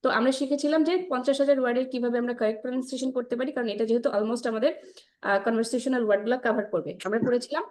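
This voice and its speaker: A woman leads an English pronunciation class, her voice sitting a little high. She explains in Bengali peppered with English and slows down to repeat sounds for her students. She checks in with the group again and again as she goes. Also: fairly even intonation, a little mellow. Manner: explains in Bengali mixed with English, drills sounds slowly, checks with "ঠিক আছে?". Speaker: spoken English teacher. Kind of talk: online class lesson.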